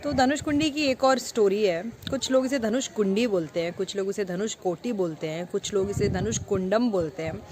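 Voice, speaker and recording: A woman's voice: mid-range voice, moderate pace, hardly any pauses. A young woman giving a walking tour and telling a temple story outdoors, chatty and stopping for fillers as she mixes in English words. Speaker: travel vlogger. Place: busy temple street outdoors. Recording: loud street noise outdoors. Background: traffic and crowd ambience.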